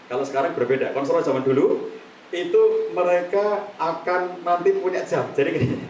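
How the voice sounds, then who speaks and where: A middle-aged man giving a live workshop on counseling to an audience. He talks in a lively way and acts out examples in quoted voices. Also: fairly high pitch, normal speed, slight background noise. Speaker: counseling trainer. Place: meeting room with a live audience. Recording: echoey room from far off, faint ambience.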